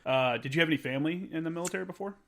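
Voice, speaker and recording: A man's voice: a little high, very fast, a bit bright. A man in his thirties hosting a podcast, asking a fellow veteran chummy questions. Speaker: podcast host, Marine veteran. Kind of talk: casual podcast interview.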